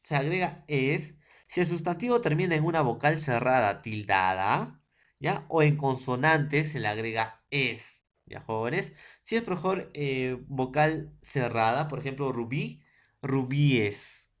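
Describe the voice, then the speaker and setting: A man's voice: medium pitch, animated, measured pace. A man with a Peruvian accent teaching a grammar lesson to secondary students, listing word pairs and checking in with the class often. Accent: Peruvian Spanish. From Peru. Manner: lists word pairs one by one.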